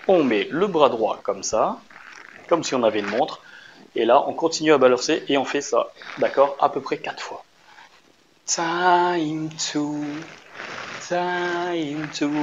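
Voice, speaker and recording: An upbeat male dance teacher walks his viewers through a routine step by step. He keeps checking in with quick little questions and counts the beats aloud. The recording sounds slightly dull, with a faint hum of room noise behind him. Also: mid-range voice. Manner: encouraging, checks in often with short questions. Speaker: dance instructor. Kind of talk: casual dance tutorial.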